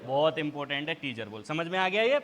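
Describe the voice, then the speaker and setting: A man's voice: fairly high pitch, very animated, quick pace, a bit bright. A male teacher giving an exam revision lecture, asking a question, answering it, then asking again. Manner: quizzing students with repeated call-and-response questions. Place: classroom. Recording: hall reverb.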